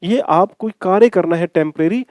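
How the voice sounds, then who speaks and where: Brief: male grammar teacher, a little high and mellow, dry close sound, repeats points and quizzes the class. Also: moderate pace, no echo. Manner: calls students "bhai". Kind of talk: exam-prep grammar lesson.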